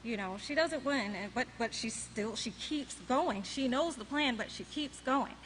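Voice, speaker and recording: A woman's voice: on the high side, a little slow, a bit bright, slight background noise. A woman giving an earnest testimony speech at a church service, quoting scripture. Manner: earnest, reads scripture aloud. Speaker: congregation speaker. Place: church hall.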